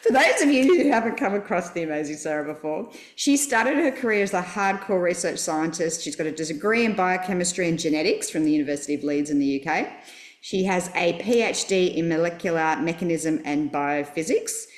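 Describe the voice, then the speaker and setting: A woman's voice: on the low side, expressive, fairly quick. An Australian woman hosting a podcast, chatty and enthusiastic as she introduces her guest. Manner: enthusiastic, chatty, laughs easily. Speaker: podcast host. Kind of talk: friendly interview introduction. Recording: roomy echo.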